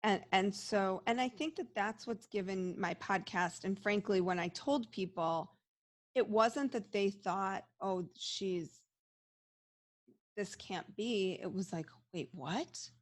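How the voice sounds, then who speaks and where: A middle-aged psychologist and medium talks openly and reflectively as a guest in a casual interview, often restarting her sentences. Her medium-pitched voice moves at a slow pace, and there's no echo.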